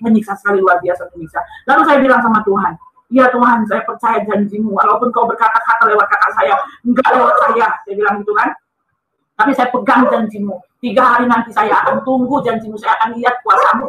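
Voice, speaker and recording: A woman with a high, bright voice gives a personal testimony at a quick clip, earnest and emphatic, repeatedly calling her listeners friends. She is recorded from a distance in an echoey room, with slight background noise.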